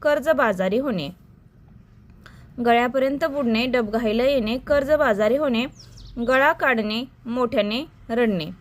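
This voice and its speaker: Female tutor, slow measured dictation of idioms and meanings, voice a bit high. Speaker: teacher. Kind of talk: reciting Marathi idioms for exam prep.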